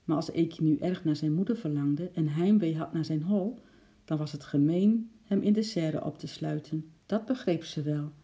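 Dark-voiced children's storyteller. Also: medium pitch, normal speed. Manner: lively, with sound effects for the animals. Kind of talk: children's story read aloud.

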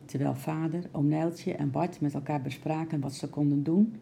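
Low gravelly woman reading a storybook. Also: steady tone, moderate pace, dark tone, slight background noise. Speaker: narrator.

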